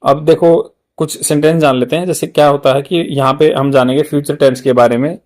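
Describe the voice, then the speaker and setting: A man with an Indian accent teaching English grammar for exam prep, repeating words slowly to drill pronunciation. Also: on the high side, fairly even intonation, darkish tone.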